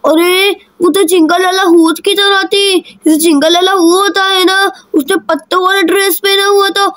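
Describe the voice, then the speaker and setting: A woman's voice: extremely high pitch, fairly even intonation, normal speed, a bit bright, no echo, studio quality. A woman voicing a scared little village girl in a kids' doll-play story, insistent and childlike.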